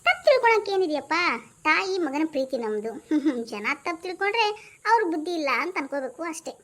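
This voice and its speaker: A woman's voice: high voice, very animated, brisk. A woman playing a fussy, kind-hearted grandmother aunty in a comic skit, fond and scolding.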